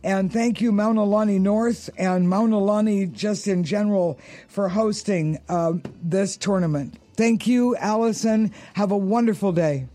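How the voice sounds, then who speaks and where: A woman's voice: medium pitch, unhurried, warm tone, dry recording. A woman hosting a radio show in a folksy, rambling, conversational way, chatting and ad-libbing through sponsor reads.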